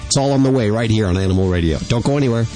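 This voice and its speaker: A man hosting a radio show in casual chat, playful and quick to laugh. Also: on the low side, loud music behind the voice.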